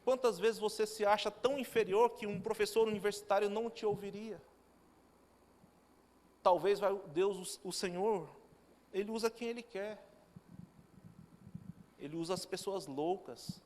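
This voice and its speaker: A man's voice: high voice, darkish tone. A male pastor giving a sermon in a church, telling stories with quoted dialogue. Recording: long reverb of a church hall.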